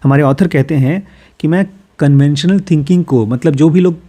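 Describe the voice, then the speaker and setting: A course teacher from Uttar Pradesh, India, casually explains a self-help book, reading English passages aloud and then unpacking them with everyday personal examples. His voice is a little high and dark in tone, at a normal speed.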